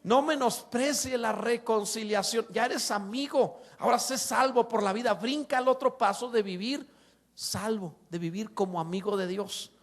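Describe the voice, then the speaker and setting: A middle-aged man preaches, his voice pitched high for a man. He moves between earnest appeals and playful asides, and keeps asking the congregation rhetorical questions. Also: moderate pace. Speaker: pastor. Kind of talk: sermon.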